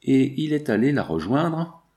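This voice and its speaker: A man's voice: medium pitch, sing-song, measured pace, darkish tone, pitched above the performer's own voice. A man voicing a young noblewoman in an audiobook, pleading and pressing with questions. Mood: insistent. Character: young noblewoman, hurt and insistent. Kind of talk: audiobook character voice.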